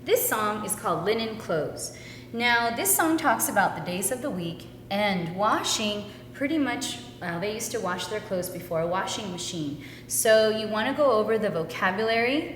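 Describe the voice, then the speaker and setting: A woman's voice: mid-range voice, slight background noise. A woman giving an instructional demonstration of children's songs, explaining each step aloud as a teacher training other instructors. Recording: echoey hall, loud music behind. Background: loud music.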